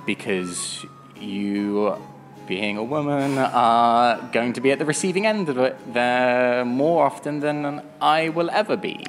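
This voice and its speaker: Relaxed man guest, mid-pitched voice. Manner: relaxed, explains with hesitant fillers. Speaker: podcast guest. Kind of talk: casual discussion of poetry.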